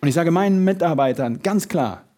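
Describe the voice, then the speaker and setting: A man giving a motivational sales seminar, lively and full of emphasis, acting out little everyday scenes. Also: a little high, brisk. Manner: lively, shifts loud and soft for emphasis, acts out little scenes. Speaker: sales trainer.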